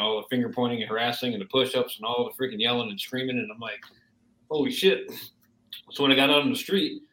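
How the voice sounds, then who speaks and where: A man talks openly about his career in a relaxed interview, dropping casual curses as he tells his story. His voice has a bright edge, and the room around him rings with echo. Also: mid-range voice. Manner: frank storyteller, swears casually. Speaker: police officer and author. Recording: roomy echo.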